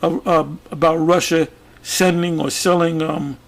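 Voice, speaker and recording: A man giving casual commentary as he reads out a news web page, speaking haltingly with many fillers and restarts. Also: a little high, steady tone, gravelly. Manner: halting, many fillers and restarts, talks through what is on screen. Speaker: religious video commentator.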